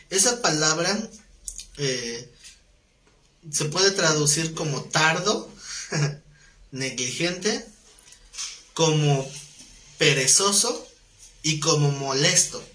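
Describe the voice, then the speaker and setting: A man teaching a live Bible class, animated, breaking into quoted voices. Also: very slow, long pauses. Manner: animated, acts out quoted voices with rising pitch. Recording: roomy echo.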